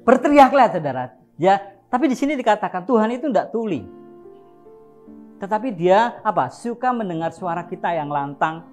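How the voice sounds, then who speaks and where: Animated male preacher. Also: sits high, moderate pace, soft background music. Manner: animated, jokes and laughs, acts out shouted prayers. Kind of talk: lively humorous sermon.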